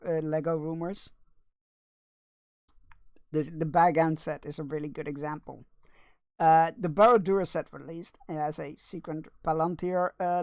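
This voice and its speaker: A man streaming a video game, giving casual, rambling, excitable and sweary commentary as he plays. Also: a little high, dry recording, clean studio sound. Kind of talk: casual game commentary, reacting and reading along. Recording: loud game music behind. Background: game music.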